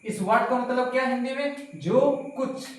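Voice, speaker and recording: A man teaching a slow grammar lesson to pupils, repeating points and asking them questions. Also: extremely high pitch, far from the mic. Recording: very echoey room, voice from off-mic.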